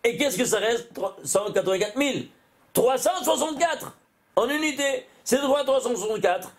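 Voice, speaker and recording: A man, a rabbi, giving an animated Torah lesson, often exclaiming and putting questions to his listeners. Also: very high-pitched, normal speed.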